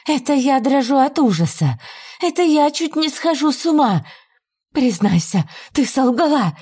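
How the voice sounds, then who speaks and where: A woman's voice: medium pitch, warm tone, no room sound, clean studio sound. A woman voicing an imperious, cruel foreign noblewoman who speaks haughtily and turns frenzied and threatening.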